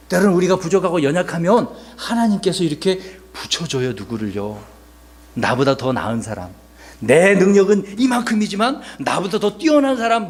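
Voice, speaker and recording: A male pastor preaches to children in a high, husky voice. His pitch swings widely as he teases them and quizzes them on the story, keeping the talk playful and animated. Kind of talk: children's sermon.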